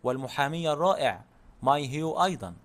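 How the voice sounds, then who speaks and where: Guy reading a proud little detective, dry and sure of himself, bit high voice, audiobook. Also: lively intonation, fast, lightly acted. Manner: dry, self-assured. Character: proud little male detective, grave and courteous.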